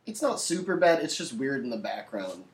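A man's voice: mid-range voice, sing-song, moderate pace. A man co-hosting a casual history podcast, chiming in and finishing his co-host's sentences, recorded at home. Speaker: podcast co-host. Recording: echoey home room.

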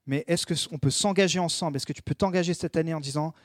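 A man preaches with earnest urgency, pressing his congregation with short repeated phrases. His voice sits a bit higher than most men's. The recording is dry and close, with little room sound. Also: quick pace, dry recording. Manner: earnest, exhorting, addresses listeners directly with repeated phrases. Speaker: pastor. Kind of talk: sermon.

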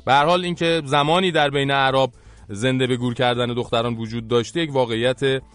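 A man's voice: medium pitch, steady tone, a bit bright, no room sound. A man with an Iranian Persian accent presenting a scripted satirical press review as host, in a colloquial, mock-formal manner.

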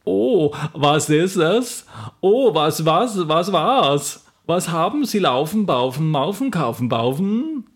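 A man's voice: fairly high pitch, big pitch swings. A man doing a flustered German factory worker. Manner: sputtering mock-German.

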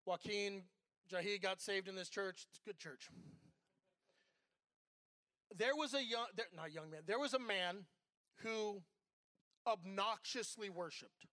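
A middle-aged associate pastor preaches in a candid, conversational way, weaving in stories from his own life. His voice sits high and bright. The sound is dry and close, with almost no room echo. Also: measured pace, pauses often. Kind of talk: sermon.

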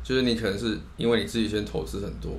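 A man's voice: on the low side, fairly even intonation, rapid-fire. A man with a Taiwanese accent co-hosting a casual advice chat, often repeating and rephrasing himself. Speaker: co-host. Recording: noticeable background noise.

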